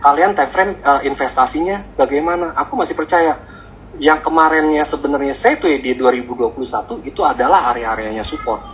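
A man, a stock trader, explaining in a relaxed, rambling way with many filler sounds. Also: on the high side, brisk, a little hiss or hum, rough recording. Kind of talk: casual explanatory chat.

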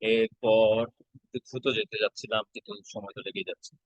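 A man's voice: on the low side, animated, fairly quick, gravelly, dry recording, highs cut off. A male teacher, giving an exam-prep lesson and patiently repeating each step.

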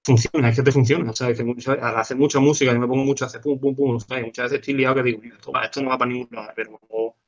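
A man with an Andalusian Spanish accent, a guest musician chatting casually and fast, full of slang fillers. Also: medium pitch, steady tone. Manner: fast, slangy, says "tío" and "¿sabes?" constantly. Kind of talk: casual podcast chat. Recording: dull lo-fi sound.

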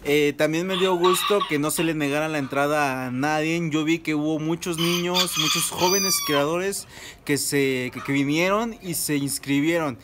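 A man's voice: a little high, normal speed, heavy background noise. A young man with a Mexican Spanish accent, chatting informally into a phone held at arm's length outdoors under trees, with fillers and restarts. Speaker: miniature rooster breeder vlogger. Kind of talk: casual selfie vlog review. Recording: phone audio with roosters crowing behind.

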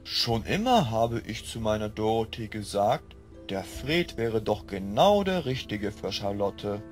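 A man's voice: lowish voice, very animated, measured pace, soft background music. A man voicing a greedy, fawning middle-aged village father in a fan-made game mod, hesitant and backpedalling. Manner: hesitant, backpedalling with filler sounds.

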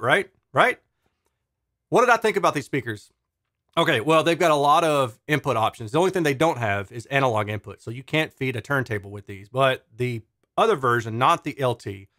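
Casting: male audio reviewer, 30s to 40s, chatty and excited, mid-pitched, dry close sound. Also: no room sound. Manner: chatty, enthusiastic, explains technical terms. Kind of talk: casual product review.

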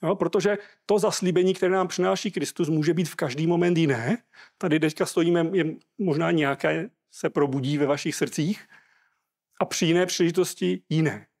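A man's voice: fairly high pitch, steady tone, a little mellow. A Czech man preaching a sermon, reading scripture aloud and explaining it earnestly.

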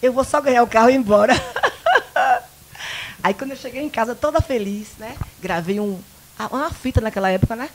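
Fairly high in pitch and brisk, yet pausing often, a woman in her fifties from rural Bahia tells animated personal stories into a handheld mic. She is a guest and event producer in a small local studio interview, speaking with a Bahian Brazilian Portuguese accent, acting out quoted dialogue and repeatedly saying "né?".

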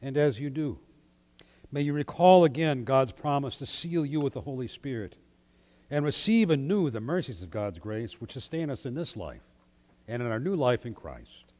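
A man, a pastor, leading worship in measured, solemn liturgical recitation, his voice ringing with a long cathedral-like echo. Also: medium pitch, animated, a little mellow. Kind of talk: leading liturgy in a remotely streamed worship service.

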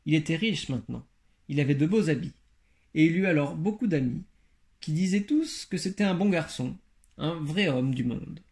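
Gravelly man reading a fairy tale. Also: on the high side, lively intonation, normal speed, a little mellow. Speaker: reader.

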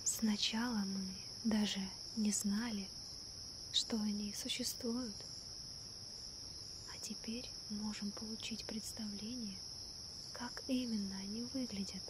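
A woman in an ASMR role-play as a gentle, wonder-struck girlfriend stargazing at night, soft-spoken softly right into the listener's ear. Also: medium pitch, steady tone, takes it slowly, natural voice. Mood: hushed wonder. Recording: night crickets, insects and clear ambient noise. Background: crickets and night insects.

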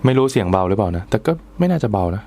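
Racing along with big pitch swings, this fairly low, dark-toned man chats casually as he unboxes and tests gear for his channel. He thinks aloud the whole time he's handling it.

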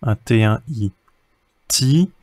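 A man's voice: medium pitch, lively intonation, slow, darkish tone, dry recording. A man giving a patient reading lesson for young children, sounding out letters and syllables one at a time.

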